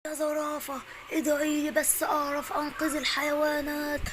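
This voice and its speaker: Egyptian lady doing a brave boy elephant, kinda high voice, earnest and protective. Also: completely flat delivery, brisk, background noise, natural voice. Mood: reassuring. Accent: Egyptian Arabic. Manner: earnest, reassuring and urgent. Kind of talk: storybook acting.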